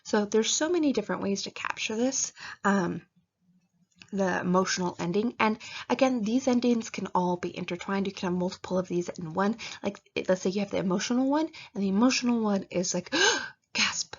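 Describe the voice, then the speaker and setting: A woman's voice: medium pitch, a little fast, husky. A woman giving casual writing advice in a chatty way, with lots of fillers, and acting out how readers react. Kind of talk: casual instructional talk. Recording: dull lo-fi recording.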